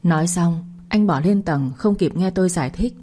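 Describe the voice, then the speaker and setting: Woman storyteller for bedtime reading, breathy and warm, low voice. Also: normal speed. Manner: soft, steady first-person narration.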